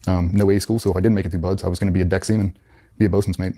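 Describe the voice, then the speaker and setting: A man's voice: sits low, little pitch movement, racing, mellow. A man, an interview guest and former Navy SEAL, telling his story in a blunt, matter-of-fact, casual way.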